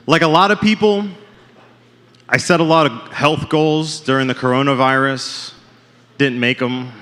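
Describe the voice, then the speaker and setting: On a comedy club stage, a man with a mid-range, steady, slightly bright voice tells self-deprecating jokes built around punchlines, speaking slowly with frequent pauses and often calling the crowd "folks." It's a live club recording with long reverb.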